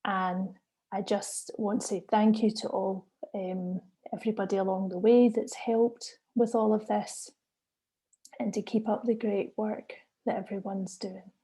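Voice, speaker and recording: Middle-aged woman presenter, measured and earnest, mid-pitched and mellow. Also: level tone, slightly rough. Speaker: consultant geriatrician giving a talk. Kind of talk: recorded conference presentation.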